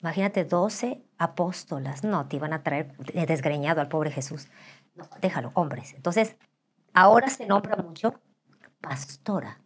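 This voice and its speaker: A woman's voice: sits low, unhurried, husky. An older woman with a Mexican accent, telling candid, joking stories as an interview guest and acting out the voices. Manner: animated and joking, acts out voices. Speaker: interview guest, pastor's wife.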